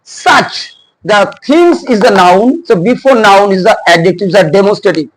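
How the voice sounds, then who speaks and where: A man teaching a spoken lesson, in halting speech that repeats and corrects itself. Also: high voice, lively intonation, rough recording. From India. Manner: halting, repetitive phrasing with self-corrections. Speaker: English teacher.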